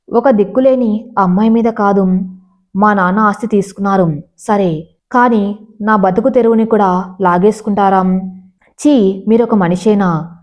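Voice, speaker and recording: A woman's voice: mid-range voice, lightly acted. A woman narrator voicing a desperate young female employee who speaks in bitter, accusing tones. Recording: slightly dull lo-fi sound.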